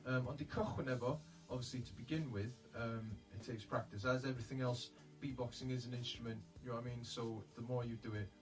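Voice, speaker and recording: A man's voice: steady tone, fast talker, far from the mic, over music, rough recording. A man explaining a beatbox technique in a casual, hesitant way, with many ums. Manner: hesitant, many ums, switches into a deep gravelly growl to demonstrate. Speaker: beatbox teacher. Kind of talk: casual bilingual tutorial.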